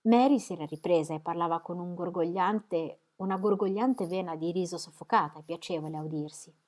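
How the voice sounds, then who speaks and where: A woman narrating a classic novel aloud. Her voice is lower than most women's, and she reads in a calm, measured way. The narration is plain and steady. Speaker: audiobook reader. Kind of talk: literary narration.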